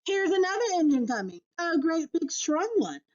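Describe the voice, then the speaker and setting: A woman's voice: extremely high pitch, sing-song, normal speed, highs cut off, voice pushed up. A woman voicing a small, hopeful toy clown in a storybook, calling out encouragingly. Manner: crying out, encouraging.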